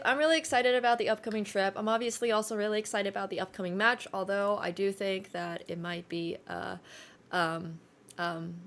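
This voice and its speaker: A young woman whose first language is Chinese chats casually on a livestream as a streamer, rambling with lots of fillers and self-corrections. Her voice is mid-range with a fairly bright tone.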